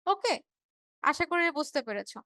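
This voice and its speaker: A woman's voice: high-pitched, big pitch swings, normal speed, sharp tone, no room sound. A woman teacher from Bangladesh giving an online revision class, explaining patiently, repeating key words and checking in with her students.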